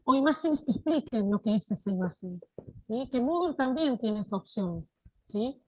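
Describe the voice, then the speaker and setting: Woman instructor, explanatory and patient, higher voice; dry, muffled lo-fi call recording. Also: expressive, moderate pace, a little hiss or hum. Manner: explanatory, frequent checking "¿sí?". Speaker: course instructor. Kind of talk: online teacher-training lecture.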